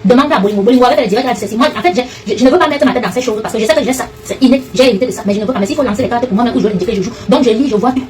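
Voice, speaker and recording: Heated woman commentator, rapid delivery, slightly distant mic. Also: fairly high pitch, darkish tone, faint music behind. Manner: fast, confrontational, addresses a rival directly. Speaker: online commentator. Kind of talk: heated direct-to-camera rant.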